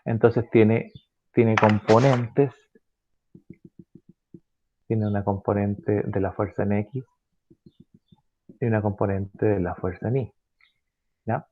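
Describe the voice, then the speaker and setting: A man with a lowish voice and fairly even intonation teaches physics online, moving step by step while stumbling over fillers and self-corrections and asking tag questions so the class keeps pace. The recording is muffled with slight background noise.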